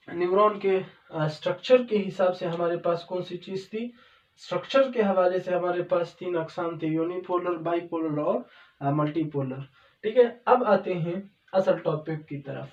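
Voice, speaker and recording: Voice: medium pitch, a little mellow. Roomy, distant biology lecturer. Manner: asks rhetorical questions and answers them, repeats "okay" often; slow, step-by-step counting and pointing at a diagram. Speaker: biology teacher. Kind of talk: explanatory video lecture. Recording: dull, roomy sound from a distance from the mic.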